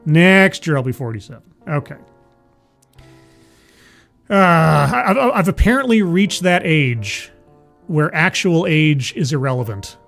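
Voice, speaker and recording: A man's voice: fairly high pitch, big pitch swings, takes it slowly, gravelly, long pauses, fairly bright tone, soft background music. A man in his forties hosting a livestream, chatting casually with viewers and laughing at himself. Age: 40s. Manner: rambling, self-deprecating, laughs often. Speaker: livestream host. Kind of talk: casual chat with live chat.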